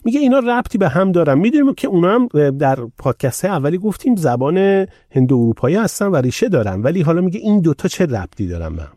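Male podcast host, warm-toned, casual conversational delivery. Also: fairly high pitch, very animated, few pauses, no room sound, clean studio sound. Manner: conversational, tells anecdotes, reads out listener questions. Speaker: podcast host reading listener comments.

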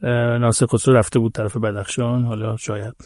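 A man's voice: medium pitch, level tone, a little mellow, no room sound, studio quality. A man answering questions as a guest expert on a podcast, explaining carefully and hedging his claims. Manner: measured, explanatory, cautious about claims. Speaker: guest expert on old Persian epic. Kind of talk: podcast conversation.

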